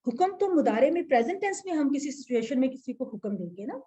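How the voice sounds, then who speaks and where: A woman's voice: high-pitched, big pitch swings, fast, dark tone, highs cut off. A woman teaching Arabic grammar for the Quran to a class, explaining step by step and putting questions to her students. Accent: Urdu-speaking, Pakistani.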